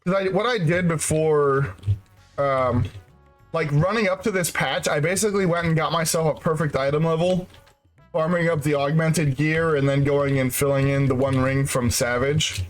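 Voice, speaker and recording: Soft music sits under this fairly high male voice, which keeps a steady tone and a moderate pace. Stuffed up in the nose and throat, he rambles through casual gaming-stream chat, laughing and cursing without restraint.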